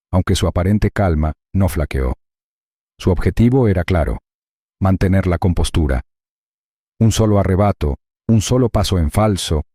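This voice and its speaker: A man narrating a scripted dramatic story in a grave, even way. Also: sits low, no room sound, clean studio sound.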